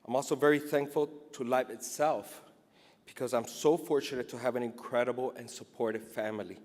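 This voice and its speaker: A man's voice: mid-range voice, fairly even intonation, fairly quick, darkish tone. Emotional middle-aged man speaking in a reverberant hall. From Cuba. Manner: emotional, earnest. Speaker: award recipient. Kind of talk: acceptance speech, partly read from notes. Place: large indoor hall at an awards event. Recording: echoey hall with long reverb.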